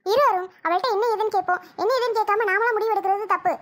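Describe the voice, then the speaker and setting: A woman voicing a calm, reasonable young sister in a cartoon. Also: extremely high pitch, quick pace. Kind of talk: cartoon voice acting.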